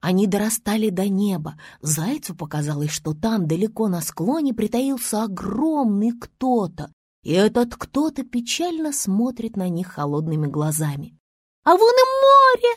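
Woman storyteller, breathy and lively; expressive children's story narration, dry booth sound. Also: moderate pace, no echo. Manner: animated storyteller with big pitch swings.

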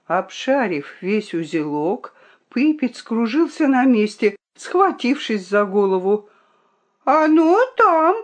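A woman reading a fairy tale aloud in an expressive, unhurried way. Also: medium pitch. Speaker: storyteller. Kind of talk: storybook reading.

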